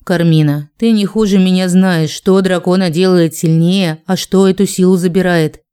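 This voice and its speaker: A woman voicing a cold, proud male dragon in an audiobook, speaking slowly and with contempt. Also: sits high, fairly even intonation, mellow, clear, resonant tone, lightly acted. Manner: slow, contemptuous, menacing.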